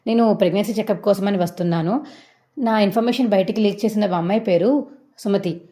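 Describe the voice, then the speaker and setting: A scheming, vindictive young wife, as a woman plays her demands a firing in quick, pointed speech. Her voice is dark and mellow. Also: mid-range voice, natural voice. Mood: demanding. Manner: demanding, spiteful.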